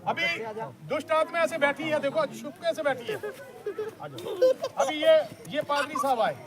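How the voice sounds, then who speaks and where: High-voiced man preaching outdoors to a crowd. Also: normal speed. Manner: exhorting, leads call-and-response with the crowd. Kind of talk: outdoor sermon at a church picnic. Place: outdoors by a river. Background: crowd of listeners.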